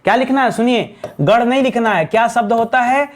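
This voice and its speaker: A man's voice: extremely high pitch, fairly quick. A man teaching Hindi spelling, who keeps asking his students what is correct, then answers himself. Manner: repeats questions to students, calling them "friends"; clears throat now and then. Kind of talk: spelling lesson at a board.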